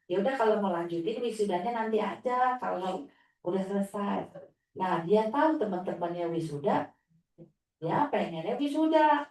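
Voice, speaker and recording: A woman's voice: mid-range voice, moderate pace, darkish tone. A woman religious teacher sharing stories about her students, acting out a child's whiny replies. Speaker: Islamic teacher. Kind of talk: inspirational sharing talk. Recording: echoey room, distant mic.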